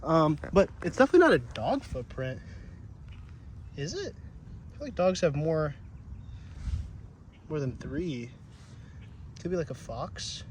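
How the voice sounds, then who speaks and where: Young male vlogger, winded, chatty and easily impressed, slightly high voice, recorded outdoors with light traffic noise. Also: big pitch swings, moderate pace, long pauses. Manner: chatty, easily amazed, self-joking. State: out of breath from walking. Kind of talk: casual walk-and-talk vlog. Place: outdoors on a trail and city streets.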